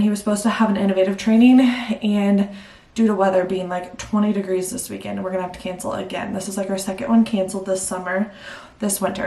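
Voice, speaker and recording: Breathless chatty woman in an echoey room. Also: mid-range voice. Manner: chatty, rambling, laughs at herself. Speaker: vlogger. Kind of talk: casual chat to camera. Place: at home indoors. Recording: roomy echo, mic at a distance.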